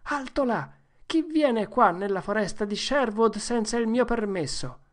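A woman voicing a bossy boy who plays an outlaw leader, declaiming in a high, loud, theatrical voice. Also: very animated, unhurried. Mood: bold, theatrical.

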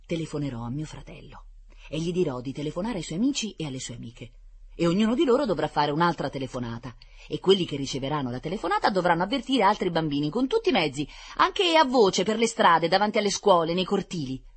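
A woman's voice: low voice, big pitch swings, breathy edge, voice pushed up, exaggerated voice. A woman voicing a clever, bossy little girl who lays out plans like a schoolteacher, in a storybook reading. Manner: brisk, instructive, in charge.

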